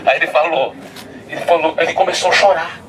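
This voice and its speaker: A man's voice: fairly high pitch, steady tone, quick pace, distant mic, crowd noise, poor audio. A male pastor preaching outdoors, telling a story animatedly and often laughing as he goes. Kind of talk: sermon with storytelling. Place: outdoors at a hilltop site.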